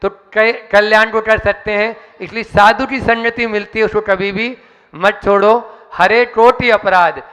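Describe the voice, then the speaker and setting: Brief: man, high bright voice, rousing sermon, long hall reverb. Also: steady tone, unhurried, clean tone. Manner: rousing, declamatory, recites verse. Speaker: monk introducing the main speaker. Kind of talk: devotional sermon. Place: large hall, preaching from a stage.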